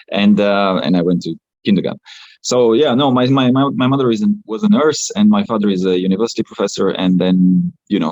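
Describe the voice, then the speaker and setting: A Romanian man, native speaker of Romanian, talks casually as a podcast guest, full of fillers and restarts. His voice is low and darkish, recorded lo-fi with no echo.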